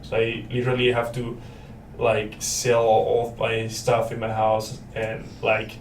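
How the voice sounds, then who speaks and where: A man's voice: medium pitch, monotone, unhurried, far from the mic. Young man, from Paraguay, Spanish native, casual rambling chat, roomy sound, set back from the mic. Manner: friendly, loose and rambling, many fillers and restarts. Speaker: student guest. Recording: roomy, off-mic with faint noise.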